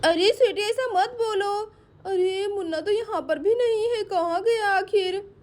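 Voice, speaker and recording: A woman's voice: extremely high pitch, measured pace, a little mellow. A woman voicing a caring, anxious young woman in a doll play story, calling out urgently.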